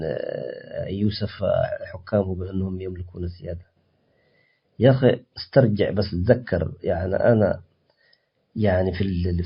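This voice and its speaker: A man speaking as a political guest in a radio interview, impassioned and halting, with frequent restarts and fillers. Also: fairly low pitch, vocal fry, husky, dull audio.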